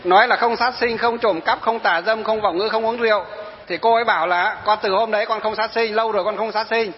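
A man's voice: high-pitched, fairly even intonation, fast. A man, a Buddhist monk, giving a dharma talk, telling stories of his followers and asking rhetorical questions. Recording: dull lo-fi hall recording.

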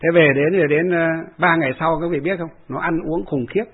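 A man's voice: on the high side, steady tone, brisk, breathy edge. A man, a Buddhist monk, telling a story in a rambling way, full of fillers and repeated phrases. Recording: narrow phone-like radio sound.

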